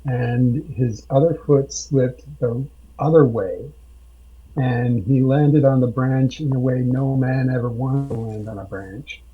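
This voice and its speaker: A man speaks slowly in a husky, dark voice, halting often as he recounts a tabletop game session. His audio is dull and lo-fi. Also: medium pitch. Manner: slow, halting with many fillers. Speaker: podcast guest, game master. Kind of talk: casual podcast storytelling. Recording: dull lo-fi sound.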